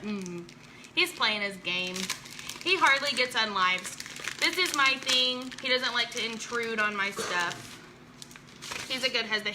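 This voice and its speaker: This woman's voice is on the high side, pushed and bright, with slight background noise. She's a live-stream host demonstrating chalk crafts at home, chatting with her audience and constantly joking, teasing and laughing.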